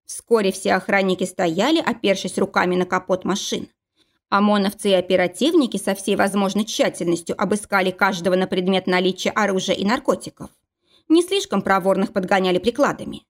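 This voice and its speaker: A woman narrating a first-person audiobook in a steady, even reading style. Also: medium pitch.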